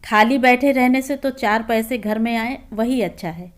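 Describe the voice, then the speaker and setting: A woman voicing a weary retired old father who speaks quietly and sadly, in a storybook reading. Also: a little high, moderate pace, close to an everyday voice.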